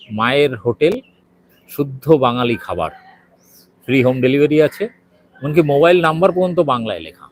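A man's voice: a little high, slight background noise, rough recording. A middle-aged man doing a walking video report, hesitant and full of fillers, showing viewers around a small restaurant. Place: outside and inside a small restaurant.

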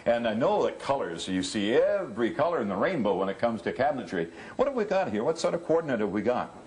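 Folksy older TV host. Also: male voice, medium pitch, big pitch swings, fast, darkish tone. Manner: folksy, upbeat, talks to the viewers as folks. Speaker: home renovation TV host. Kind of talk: casual on-site TV chat. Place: house under renovation, indoors.

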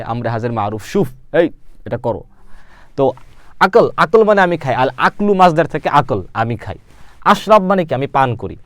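A man's voice: on the high side, no room sound. A man teaching an Arabic lesson, repeating each word and asking then answering his own questions. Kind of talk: spoken language lesson.

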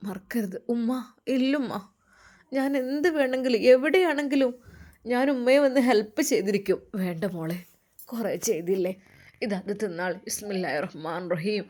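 A woman voicing a loving elderly mother who speaks in a soft, low, gentle way. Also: lightly acted. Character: loving elderly village mother, tender and doting.

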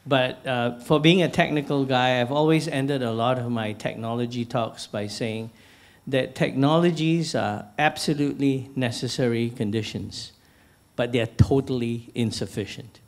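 A middle-aged man from Malaysia moderates a panel from the stage of a large lecture hall, holding a handheld microphone. He talks in a measured, anecdotal way, often restarting his sentences. His pitch sits in an ordinary middle range. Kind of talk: panel discussion, posing questions.

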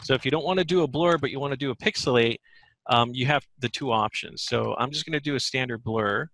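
A man working as a software trainer, giving a live screen-share demo in a webinar and thinking aloud as he goes. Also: mid-range voice, no echo. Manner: thinks aloud while demonstrating.

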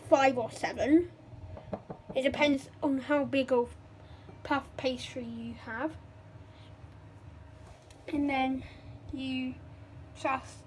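A woman's voice: high-pitched, slight background noise. A young woman chatting through a casual cooking vlog at home, rambling and correcting herself as she goes. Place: home kitchen.

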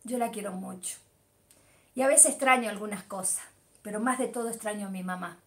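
A woman's voice: mid-range voice, brisk. A middle-aged woman with an Argentine Spanish accent, chatting casually on a livestream, greeting viewers by name and talking animatedly about football. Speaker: livestream host. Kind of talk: casual live chat reading comments.

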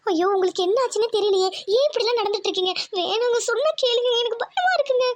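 A woman's voice: very high voice, fast talker, slight background noise. A woman voicing a frightened young village wife in a cartoon. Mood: pleading. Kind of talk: cartoon voice acting.

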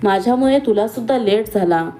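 A woman voicing a young female college student who talks in a quick, teasing and pointed way. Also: on the high side, noisy background, lightly acted. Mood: spirited.

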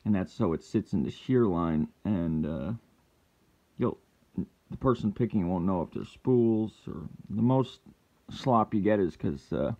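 A lockpicking hobbyist hosts his own channel, speaking in a low, animated voice at a measured pace over lo-fi audio. In this casual hands-on commentary he mutters half to himself while working through the task step by step, now and then breaking into sudden frustrated yells.

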